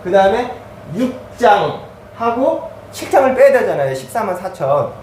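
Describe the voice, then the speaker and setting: A man's voice: high-pitched, big pitch swings, moderate pace, darkish tone, echoey room, distant mic, a little hiss or hum, rough recording. A man preaching as a pastor, giving a teaching sermon. He goes through a chart step by step.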